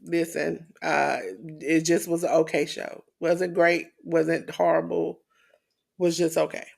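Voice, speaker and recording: A woman's voice: sits low, little pitch movement, slow, vocal fry. A tired woman co-hosting a podcast, reading out wrestling results with showy announcer flourishes. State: sleepy. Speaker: podcast co-host.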